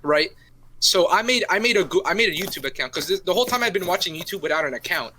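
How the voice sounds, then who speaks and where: In a fast, high and sharp voice with a bit of hiss or hum behind it, this young man rambles through a long casual story as a podcast co-host. He's expressive, curses a lot and ends his lines with "right?" again and again.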